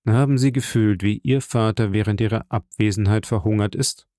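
A man's voice: normal speed, mellow, no echo, studio quality, lightly acted. A man voicing a grave vengeful count. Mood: bitter. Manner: low, solemn, grave. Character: dark, vengeful, brooding aristocratic count. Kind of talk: audiobook reading.

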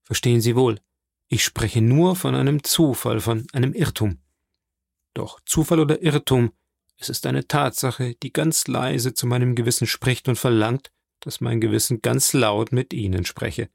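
A man reading an audiobook, voicing a grave, deliberate physician. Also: medium pitch, creaky, a little mellow, dry recording, clean studio sound. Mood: explaining. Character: grave, measured male physician.

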